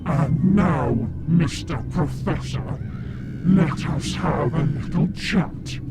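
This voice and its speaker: An actor playing an evil, menacing mother in a video game, with a demonic, possessed voice and a commanding manner. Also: on the high side. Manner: slow, commanding. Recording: loud music under the voice.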